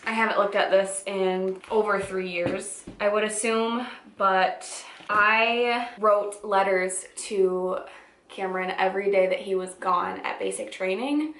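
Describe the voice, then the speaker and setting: A woman's voice: medium pitch, fairly even intonation, unhurried, a bit bright. A woman in her twenties chatting casually and informally for a personal vlog at home. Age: 20s. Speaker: vlogger. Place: indoors at home, echoey room. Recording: echoey, roomy home recording.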